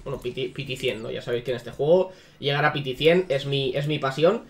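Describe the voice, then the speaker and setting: A man's voice: mid-range voice, brisk. A man giving casual, sarcastic commentary on a mobile game, swearing freely. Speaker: gaming YouTuber.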